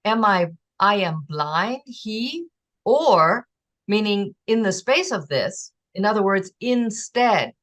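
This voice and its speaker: A woman giving an online lecture on a constructed language, explaining slowly with pauses and sounding out example words. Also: mid-range voice, animated, fairly bright tone. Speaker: presenter teaching a constructed language. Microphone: video call.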